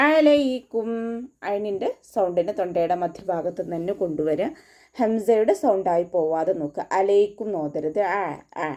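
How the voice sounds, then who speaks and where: A woman teaching Quran recitation, going slowly line by line and explaining where to place the lips and tongue for each sound. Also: medium pitch, warm tone. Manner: patient and methodical, gives mouth and tongue placement cues. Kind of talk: tajweed lesson, slow line-by-line instruction.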